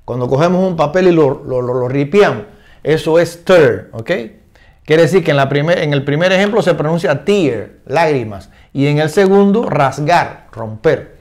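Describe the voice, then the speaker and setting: An older man explaining English words in Spanish, patient and repetitive, slowing down to read English examples and often checking understanding. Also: a little high, darkish tone. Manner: reads English examples slowly and deliberately. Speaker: English teacher.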